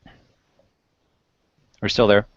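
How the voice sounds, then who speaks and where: A man's voice: takes it slowly, no room sound. A man on an online group call, talking in a laid-back, joking way. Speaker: panelist. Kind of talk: casual online group discussion. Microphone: video call. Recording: dull lo-fi voice-call audio.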